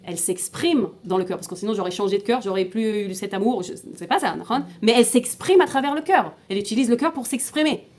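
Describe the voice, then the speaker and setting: A woman's voice: medium pitch, lively intonation, fast, few pauses, darkish tone. A woman teaching an informal class, explaining step by step, asking her students questions and often restarting and repeating words. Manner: mixes in Hebrew terms.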